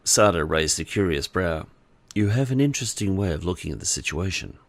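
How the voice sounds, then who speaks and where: Deep gravelly male audiobook narrator. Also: lively intonation, fairly quick, dry recording.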